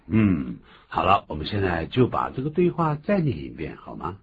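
A deep-voiced man teaches English on the radio, his pitch swinging widely as he punches out key words. The recording is muffled and lo-fi, with a faint hiss underneath. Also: moderate pace. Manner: animated, jumps to high emphatic pitch on key words.

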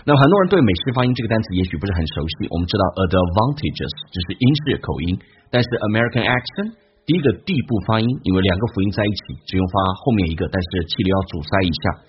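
Brief: low-voiced male English teacher, quick explanations, slow models, dull recording with faint hiss. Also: lively intonation. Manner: switches between quick Mandarin explanation and slow, drawn-out English model sentences. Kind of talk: classroom lesson explaining pronunciation.

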